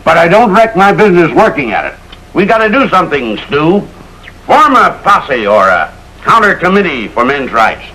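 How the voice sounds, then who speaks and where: Loud excitable neighbor guy, sharp bright voice, jumps around a lot. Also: fairly high pitch, normal speed, full character voice, low-quality recording. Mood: grumbling. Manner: blustering, shouting in alarm. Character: excitable neighbor husband, middle-aged, loud and blustering. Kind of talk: 1950s sitcom acting. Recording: old TV soundtrack with faint hiss.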